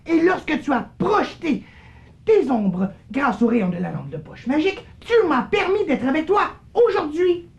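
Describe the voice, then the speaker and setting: A woman's voice: sits high, sing-song, normal speed, gravelly, dull audio, exaggerated voice. A woman voicing a mischievous male living shadow with a teasing, slightly haughty manner, in a children's puppet show.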